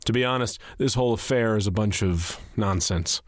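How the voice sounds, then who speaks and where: An actor playing a skeptical, proud doctor in an audio drama, with a brisk, authoritative delivery. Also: male voice, lowish voice, no echo, clean studio sound, lightly acted. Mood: skeptical, dismissive. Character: skeptical, proud male doctor, irreligious, increasingly baffled. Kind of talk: dramatized audio story acting. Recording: loud music under the voice.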